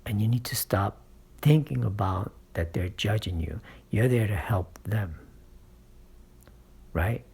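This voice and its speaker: Male channel host, husky and unhurried, encouraging speaking coach who talks from experience. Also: fairly low pitch, darkish tone. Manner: coaching, checks in with frequent "right?" and "okay?". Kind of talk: motivational public-speaking advice.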